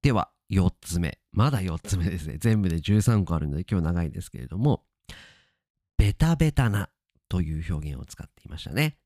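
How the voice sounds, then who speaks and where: A man hosting a casual spoken lesson, explaining words with drawn-out emphasis and English glosses. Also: deep voice, no room sound, studio quality. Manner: lively and sing-song, stretching key words, mixing in English glosses. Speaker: podcast host teaching Japanese vocabulary.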